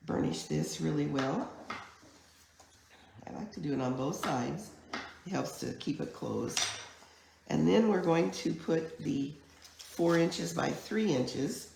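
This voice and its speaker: A woman with a croaky, hoarse voice from a chest cold, giving a chatty, step-by-step live online card-making class at her craft table. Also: deep voice, lively intonation, noisy background. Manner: chatty, unhurried step-by-step explaining. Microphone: camera mic at a craft table. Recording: echoey room.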